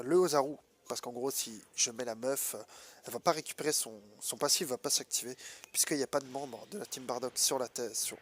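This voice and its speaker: Guy with a blocked nose casually talking through a game, sounds sick, medium pitch, kinda thinking out loud. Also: a little hiss or hum. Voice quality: congested, nasal. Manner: colloquial, hesitant, thinking aloud. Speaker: gaming video host. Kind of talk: casual gameplay commentary.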